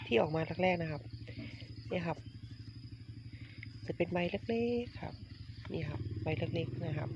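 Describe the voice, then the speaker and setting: Gravelly man vlogging in a rural garden. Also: high voice. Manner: chatty, polite, repeats himself, addresses viewers as friends. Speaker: vlogger, home durian grower. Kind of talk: casual show-and-tell vlog. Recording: dull lo-fi phone audio, loud outdoor noise and roosters. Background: roosters, chickens and crickets.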